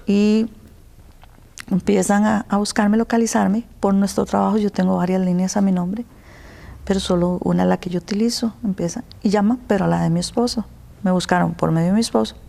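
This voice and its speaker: A woman with a Costa Rican accent, telling her personal story in an interview, earnest and emotional, at times dropping to a soft whisper. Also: medium pitch, vocal fry. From Costa Rica. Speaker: interview guest.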